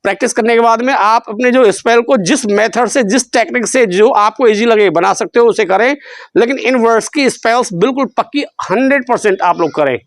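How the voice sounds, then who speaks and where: A man's voice: very high-pitched, brisk, no echo. A man teaching a spelling lesson. He repeats his questions back to the students and stretches out syllables. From India. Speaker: English teacher. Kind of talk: spelling lesson explained in Hindi.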